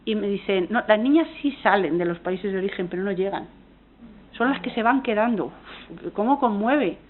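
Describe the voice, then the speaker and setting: A woman's voice: mid-range voice, animated, moderate pace, slight background noise. A woman from Spain with a Spanish accent giving an academic conference talk as a university lecturer, earnest and engaged, often restarting and correcting herself mid-sentence. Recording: tinny phone-like audio.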